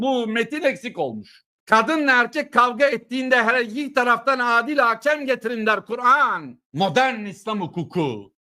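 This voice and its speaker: A middle-aged man giving a heated political monologue, sarcastic and emphatic, at times breaking into shouts. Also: high-pitched. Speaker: political commentator.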